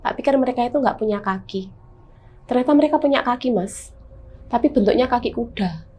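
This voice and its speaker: A woman with a Javanese accent, a guest telling her own horror experience in casual chat, animated and vivid with lots of fillers. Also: on the high side, fairly quick, husky. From Semarang, Central Java, Indonesia.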